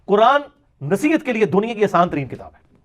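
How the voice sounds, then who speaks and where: A man's voice: sits high, big pitch swings, fairly bright tone. A man giving a polemical religious lecture, mocking his opponents and dropping into quips. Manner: sarcastic, mocking, lapses into Punjabi quips. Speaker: religious speaker.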